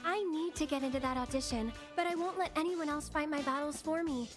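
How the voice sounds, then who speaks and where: Woman as a high-voiced, playful young adventurer heroine. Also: a little fast, over music, close to an everyday voice. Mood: determined. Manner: teasing, light, self-assured.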